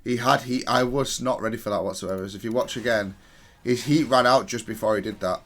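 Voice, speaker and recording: Fairly quick and fairly bright in tone, this man's medium-pitched voice breaks down his own gameplay. He stays matter-of-fact and critical of himself as he analyzes the match.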